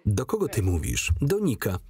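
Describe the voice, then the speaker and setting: Male voice-over reader, lively rising and falling pitch, studio read, voices every part himself. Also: a crowd in the background. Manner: reads every role in his own voice, clear and measured. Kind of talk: film voice-over reading all parts. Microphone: studio voice-over, recorded apart from the film.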